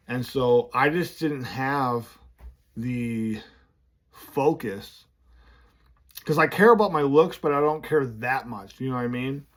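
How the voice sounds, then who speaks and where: A man speaks straight to the camera from his office, talking casually and candidly in a loose, rambling way. New braces slur his speech, blurring his esses and th sounds. His voice is pitched in an ordinary male middle range. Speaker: vlogger running a business. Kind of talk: casual vlog talk to camera.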